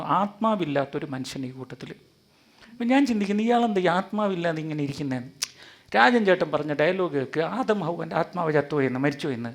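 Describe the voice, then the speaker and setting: High bright animated preacher. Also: male voice. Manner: animated, calls on the crowd to answer aloud. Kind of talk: lively sermon with audience interaction. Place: hall with a live audience.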